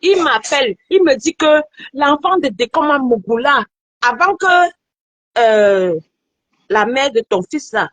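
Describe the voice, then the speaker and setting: A woman in her thirties telling a story in an animated, repetitive way during a casual chat. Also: high voice, measured pace, no echo. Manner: animated storytelling, repeats phrases.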